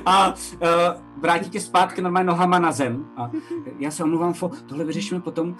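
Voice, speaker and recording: A man running a tabletop game as game master, narrating and voicing its characters in a lively way with many fillers and repeated words. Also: fairly high pitch. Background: background music.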